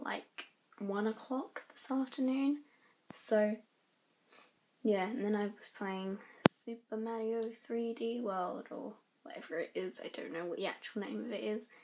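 A woman's voice: a little high, a little mellow. A teenage girl vlogging casually. Outdoors she walks her dog on a cold street and is out of breath, later she talks to a handheld camera. She rambles and often drops into a whisper. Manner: rambling, chatty, drifts into whispers. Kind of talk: casual vlog chat.

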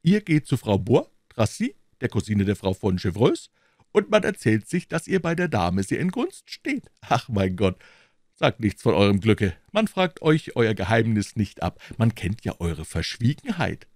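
A man reading aloud and voicing a boastful, self-satisfied male musketeer, loud and smug. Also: lowish voice, big pitch swings, measured pace, no room sound, studio quality, voice pushed up, exaggerated voice. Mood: lecturing.

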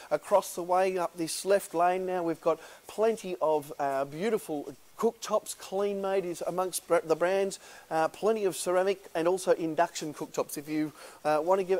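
A man's voice: sits high, a little mellow. A man in his thirties with an Australian accent, an auctioneer giving a casual, upbeat sales walkthrough of a large indoor warehouse, with lots of filler "uh"s.

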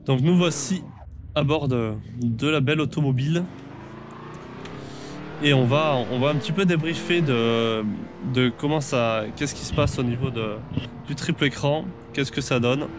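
A man's voice: mid-range voice, measured pace, over music. A man walks through a game setup in a casual tutorial, rambling with many fillers and restarts into a desk microphone at his home gaming setup. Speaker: sim racing YouTuber. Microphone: studio microphone at a desk.

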